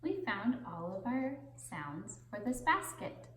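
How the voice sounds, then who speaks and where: A young woman speaks slowly to small children, as a teacher giving a phonics lesson. Her delivery is singsong and deliberate, with pauses for repeating. The room adds noticeable echo around her medium-pitched voice. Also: big pitch swings, a bit bright, slight background noise. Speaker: preschool teacher. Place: indoor classroom, seated on the floor. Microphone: camera a few metres away. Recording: roomy echo from camera distance.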